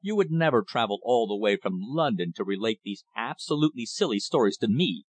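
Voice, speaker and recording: A man's voice: lowish voice, very animated, brisk, no room sound. A man voicing a dismissive, haughty wealthy man who brushes off every claim with condescension.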